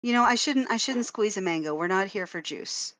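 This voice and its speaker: A woman's voice: mid-range voice, animated, brisk, a bit bright. A woman co-hosting a live drawing stream, chatting casually and acting out the lines of stories she tells. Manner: chatty storyteller who acts out quoted lines. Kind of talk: casual chat.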